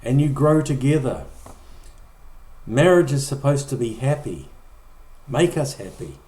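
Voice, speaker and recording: A man's voice: mid-range voice, sing-song, unhurried, mellow. A middle-aged man preaching a conversational sermon, often repeating or restarting words and acting out short quoted lines. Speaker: pastor. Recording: echoey room.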